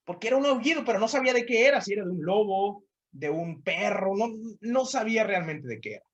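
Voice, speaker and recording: A man's voice: high voice, animated, fast, dull audio. A man, a motivational trainer, telling a story with many repeated phrases and speaking directly to the listener.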